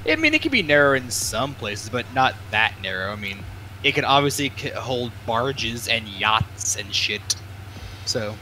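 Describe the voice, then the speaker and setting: A man narrating as game master in a casual, halting way, with lots of fillers. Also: medium pitch, big pitch swings, pushed and bright, a little hiss or hum.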